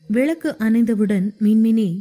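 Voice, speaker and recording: A woman's voice: fairly high pitch, unhurried, mellow. Woman narrating a romance story.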